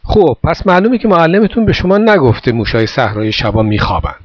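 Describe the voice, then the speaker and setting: A man's voice: a little high, sing-song, no room sound, voice pushed up. A man doing a kindly, coaxing old man. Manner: gentle, coaxing delivery. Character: bow-legged old man, kindly and reassuring. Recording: dull dry recording.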